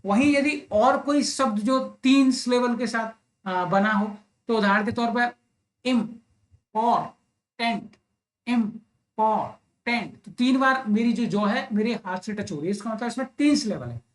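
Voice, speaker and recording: A man teaching an exam-prep literature lesson online, explaining step by step, often checking in with the listener, and reading English verse lines very slowly. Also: very high voice. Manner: explains step by step with frequent "right?" tag questions.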